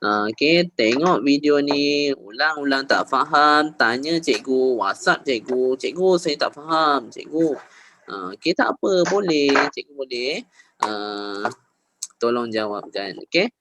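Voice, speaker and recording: A male teacher giving an online grammar lesson, gentle and encouraging, repeating example sentences with changing intonation. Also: medium pitch, lively intonation, unhurried, background noise.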